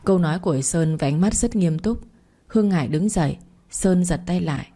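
Woman reading a story aloud, steady and plain, low dark mellow voice. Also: brisk. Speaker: narrator. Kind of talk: storybook narration.

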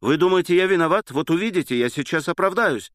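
A man voicing an excitable, earnest young man who keeps pleading his innocence in a storybook reading. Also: high-pitched, quick pace, dry recording, clean studio sound, pitched above the performer's own voice. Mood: excited pleading. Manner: eager, breathless protesting.

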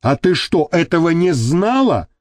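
A man reads the part of a rude, brutish thug who is quick to snap and growls at people. His delivery is gruff, yet his voice sits on the high side, sing-song and a little slow.

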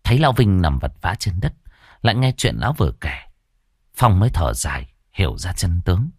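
A male audiobook narrator reads a fantasy tale in a low voice. His delivery is expressive, and his pitch rises and falls widely. The recording is dry and close. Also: fairly quick, breathy edge, no room sound. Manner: expressive storytelling reading. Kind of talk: scripted narration of a fantasy story.

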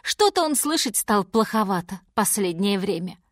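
A woman's voice: medium pitch, big pitch swings, moderate pace, no room sound, studio quality, lightly acted. A woman voicing a kind, anxious mother bear who speaks with worry, in an audiobook fairy tale. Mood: worried. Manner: worried, kind.

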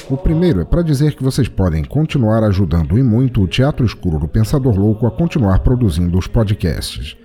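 A Brazilian man with a lowish, dark-toned voice hosts a podcast of short stories, narrating them in a scripted, formal, literary manner. Music plays behind his voice throughout.

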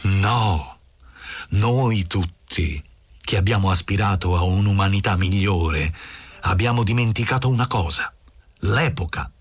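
A man voicing a weary, cynical old school principal who speaks slowly and paternally. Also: deep voice, husky, no echo. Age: older. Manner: slow, measured, paternal.

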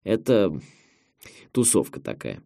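A male audiobook narrator voicing a modest young film director who sounds quiet, low and bewildered. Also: sing-song, slow, creaky, no echo, studio quality, exaggerated voice. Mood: puzzled. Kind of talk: audiobook character reading.

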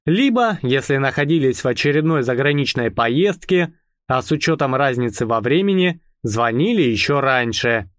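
A man narrating a first-person audiobook in a calm, wry, even manner. His voice sits in a middle register. The studio recording is close and dry. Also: medium pitch, moderate pace, dry recording.

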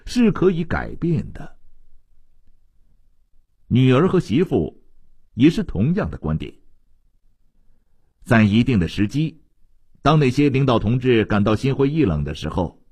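A man reading a literary novel aloud as an audiobook narrator, in a measured, expressive storytelling manner. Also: mid-range voice, slightly rough, dry recording.

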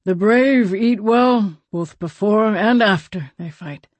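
A woman voicing a grave, slow-spoken old man. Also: medium pitch, darkish tone, dry recording. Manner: solemn, slow and measured.

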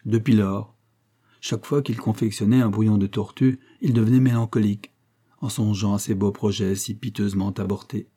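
Husky, low-voiced male narrator. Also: fairly even intonation, moderate pace, mellow. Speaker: audiobook narrator. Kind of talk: scripted narration of a classic novel.

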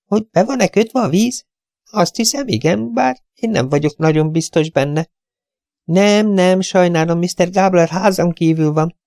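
A flustered young receptionist in an audiobook reading, her voice pitched high and bouncing as she fumbles through a phone call, as a man puts her on. The sound has a creaky edge and is dry and close. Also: a little mellow, no echo. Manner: scatterbrained, muddles numbers on the phone. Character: flustered young female estate agency receptionist.

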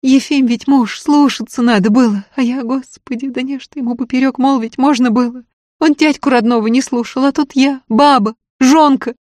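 A woman's voice: medium pitch, normal speed, darkish tone, no room sound, pitched above the performer's own voice, natural voice. A woman voicing a tearful, self-blaming young peasant woman who talks in plaintive, folksy village speech. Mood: sobbing, self-reproach.

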